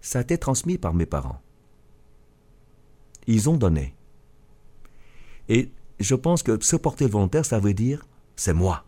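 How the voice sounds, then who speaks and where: Un homme d'âge mûr originaire du Vietnam, auteur et chef d'entreprise, qui répond en interview avec sérieux et hésite souvent. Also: male voice, fairly low pitch, big pitch swings, mellow. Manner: earnest, halting with restarts. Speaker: author and business leader. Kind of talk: radio interview answer.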